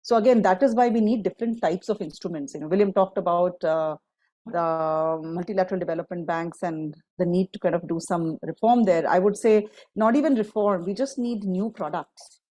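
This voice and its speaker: A woman's voice: fairly low pitch, a little fast, warm tone, poor audio. A woman, a guest on a panel discussion, speaking fluently and laying out her points in long lists. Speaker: guest panelist, climate fund partner.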